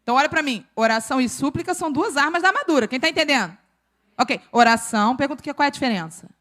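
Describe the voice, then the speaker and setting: A woman preaching a sermon, animated and playful, acting out quoted people and accents as she teaches from scripture. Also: sits high, fast.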